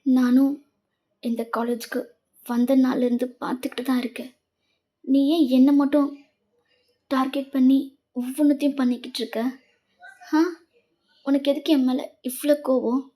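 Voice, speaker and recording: A woman's voice: sits high, flat delivery, moderate pace, long pauses, warm tone, natural voice. A woman voicing a stern, cold young male professor who scolds in clipped, commanding lines. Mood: angry.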